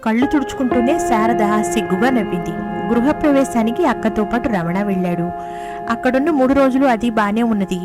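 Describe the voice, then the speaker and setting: Female storyteller, expressive reading, slightly high voice, music bed. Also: a little fast. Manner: gentle, expressive reading with dialogue in character. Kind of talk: reading a story aloud, voicing the characters. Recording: music playing behind the voice.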